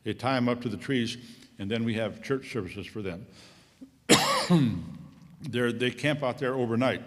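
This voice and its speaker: A man's voice: medium pitch, lively intonation, unhurried. A middle-aged man giving a rambling, folksy missionary report to a church congregation, coughing now and then. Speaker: missionary pilot. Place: church sanctuary. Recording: long church hall reverb.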